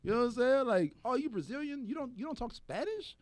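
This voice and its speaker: A man co-hosting a podcast in casual chat, animated and laughing often as he acts out quoted voices. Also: extremely high pitch, quick pace, no echo. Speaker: podcast co-host.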